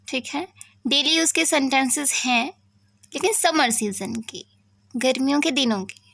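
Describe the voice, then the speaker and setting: A woman gives a spoken English lesson in a fairly high voice. She explains at an unhurried, patient pace and draws out each example sentence. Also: vocal fry, a bit bright. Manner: slow, patient explaining with words read out very slowly. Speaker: English teacher.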